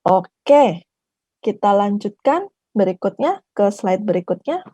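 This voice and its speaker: A woman teaching an online language class, patiently repeating each syllable slowly for her learners. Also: medium pitch, sing-song, mellow, slightly rough, dry recording.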